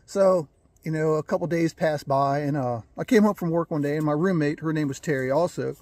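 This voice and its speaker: A man telling a rambling, folksy story about his birds, clearing his throat now and then. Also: fairly high pitch, brisk, a little mellow, no room sound. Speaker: gamefowl breeder. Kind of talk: casual storytelling.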